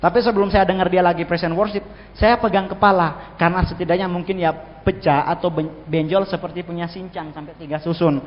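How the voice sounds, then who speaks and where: A man, speaking in a high voice and telling his testimony with restarts and sudden emphasis. His voice rings through a large hall with a long reverb. The recording sounds dull and muffled. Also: steady tone, brisk. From Manado, Indonesia. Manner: vivid storytelling, frequent restarts, bursts of emphasis. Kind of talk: preached personal testimony.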